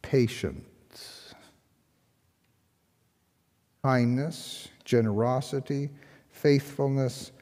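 An older man, an interim pastor, preaching a sermon from a lectern with a conversational tone and rhetorical questions. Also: slow pace. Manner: conversational, rhetorical questions, lively pitch swings. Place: large church sanctuary, behind a lectern. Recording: long hall reverb in church.

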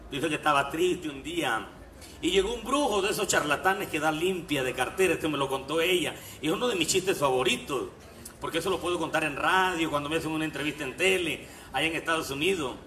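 Mexican man, coastal guerrero accent, stand-up comedian, high bright voice, rowdy delivery, echoey live room. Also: a little fast, far from the mic, slight background noise. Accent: coastal Guerrero Mexican Spanish. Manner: rowdy, loud, shifts into shrill voices for characters. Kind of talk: live stand-up joke telling. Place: stage at a live show. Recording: echoey live venue with music.

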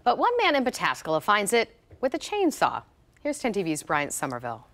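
A middle-aged woman anchoring a TV newscast in a studio, chatty and bright in banter with her co-anchor. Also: mid-range voice, wildly swooping pitch, a little fast. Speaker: news anchor. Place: TV news studio.

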